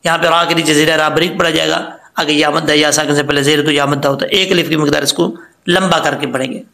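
A man teaching Quran reading, patiently spelling out syllables and slowly chanting the words. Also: a little high, fairly even intonation, creaky, bright, forceful tone, roomy sound.

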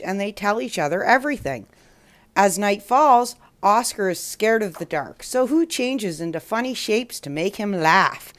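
A woman hosting a children's story show, reading a picture book aloud in a slow, expressive way. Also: mid-range voice. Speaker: storyteller host.

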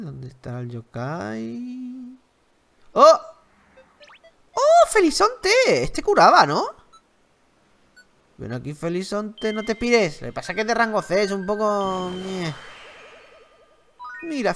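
A man with a Spain Spanish accent commenting on his video game playthrough, excitable, with loud exclamations and slang. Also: high-pitched. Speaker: gaming youtuber.

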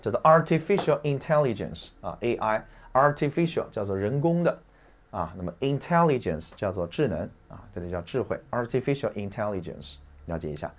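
Lower-pitched man teaching vocabulary. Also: lively intonation, slight background noise. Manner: explains in a chatty way, with frequent trailing "啊" and "对吧"; slows down to read English terms and phrases aloud. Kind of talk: recorded vocabulary lecture.

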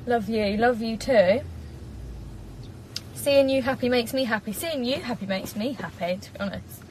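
On a low-quality recording with slight background noise, a singer in her twenties with an English accent chats casually to her live-stream audience from a parked car. Her fairly high, slightly mellow voice moves at normal speed as she reads comments into a propped-up phone, bubbly and giggly throughout.

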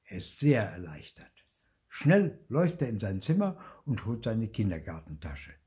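An older man reading a children's story aloud in an expressive manner. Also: on the low side, moderate pace. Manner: expressive, lively. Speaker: storybook reader.

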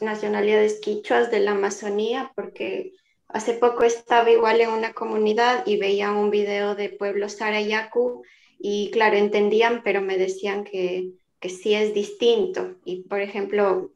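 A woman's voice: medium pitch, creaky, roomy sound, low-quality recording. A woman, a student in an online class who asks a thoughtful, hesitant question over a video call.

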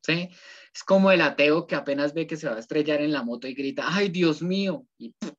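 A man's voice: on the high side, fast talker. A male ethics teacher, giving an online class in a conversational way, often checking in with students and rephrasing his points. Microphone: computer mic on a video call. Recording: dull lo-fi video call audio.

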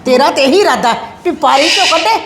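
A woman's voice: sits high, lively intonation, brisk, fairly bright tone. An actress playing a stern older grandmother who scolds her daughter-in-law in a family drama, speaking firmly and commandingly. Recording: echoey room.

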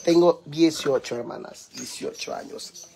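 Mexican man, campy cooking streamer, high voice, teasing and crude with viewers. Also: unhurried, creaky, background noise. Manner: campy, teasing, foul-mouthed banter with viewers. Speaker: livestream cooking host. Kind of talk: casual cooking livestream chat.

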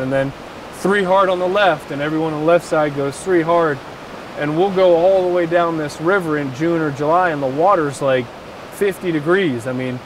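A man in his thirties speaks casually to camera with a slightly high voice. He is outdoors on a deck, a little distant from the microphone, with a clearly audible rushing stream behind him. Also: background noise. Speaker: vlogger giving local travel tips. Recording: distant voice over loud stream rush.

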